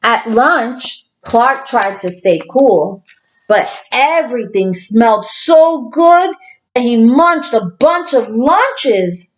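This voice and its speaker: Slow, lilting woman reading a storybook. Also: fairly high pitch, animated, lo-fi sound. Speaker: teacher reading aloud. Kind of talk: children's storybook read-aloud.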